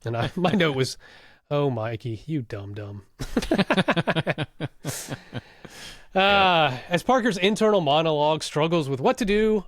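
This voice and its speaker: A man with a fairly high voice recaps a TV episode for a podcast, scene by scene, often laughing at his own asides. He sounds close to the mic in a dry, dead room. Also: no echo. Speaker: podcast co-host. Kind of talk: casual rewatch podcast recap.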